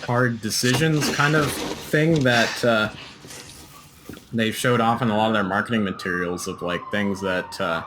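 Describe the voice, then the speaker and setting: A man's voice: on the low side, measured pace, noisy background. A man giving casual, conversational commentary while playing a video game, with mild exclamations. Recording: loud game audio behind voice. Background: video game soundtrack and action.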